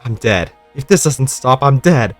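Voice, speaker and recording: A man's voice: mid-range voice, lively intonation, a little slow, no room sound, soft background music, close to an everyday voice. A man voicing a panicked, desperate man who mutters frantically, in a game story reading. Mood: frantic.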